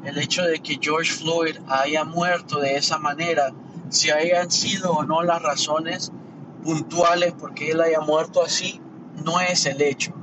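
A man's voice: fairly high pitch, fairly even intonation, measured pace. A man talking casually in a rambling, earnest monologue, repeating words as he works through his indignation. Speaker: commentator sharing opinions. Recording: muffled distant mic with loud traffic noise.

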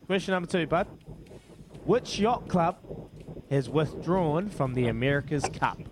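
A man's voice: fairly high pitch, animated, unhurried, background noise. A man with a New Zealand accent hosting a casual phone-in radio quiz, matey and fond of repeating his phrases.

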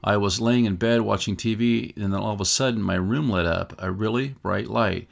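A man's voice: lowish voice, normal speed, creaky. A man hosting a show, giving casual, musing commentary and reading out articles in a conversational way. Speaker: host of a UFO news show.

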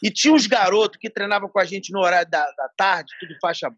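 Husky, high-voiced storyteller man. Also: fast talker, no echo, lo-fi sound. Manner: slangy, profane, animated storyteller. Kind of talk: casual storytelling.

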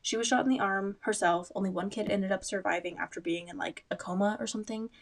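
A woman's voice: medium pitch, steady tone, fast talker, gravelly. Chatty young woman rambling about true crime. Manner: chatty, rambling asides, frequent ums. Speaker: podcast host. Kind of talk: casual true-crime chat.

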